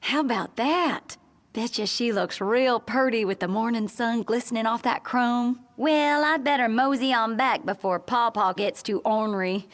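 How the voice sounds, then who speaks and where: A woman's voice: on the high side, normal speed, natural voice. A woman playing Cindy, perky Southern country gal. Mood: friendly, teasing. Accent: American Southern. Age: young adult. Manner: folksy, breezy, friendly drawl. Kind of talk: video game cutscene acting.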